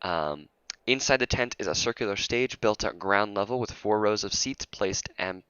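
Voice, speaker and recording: A man's voice: fairly low pitch, moderate pace, a bit bright, smooth, dry recording. A man narrating as game master of a tabletop game, teasing the players and often laughing. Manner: laughing, teasing, self-interrupting. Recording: muffled lo-fi audio, faint music.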